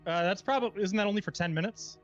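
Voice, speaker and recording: A man's voice: sits high, quick pace, soft background music. Male game master, slightly muffled. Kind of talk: tabletop game narration and casual table talk.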